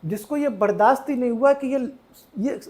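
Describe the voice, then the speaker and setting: A very high-pitched man teaches an online exam-prep lecture at normal speed, using a playful storytelling style and memory tricks. He keeps checking that the class is following, shifting between loud emphasis and quiet asides.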